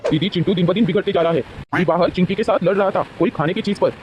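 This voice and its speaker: A man's voice: sits high, steady tone, very fast, faint music behind, lightly acted. A man voicing a firm father figure in a cartoon, with a lecturing manner.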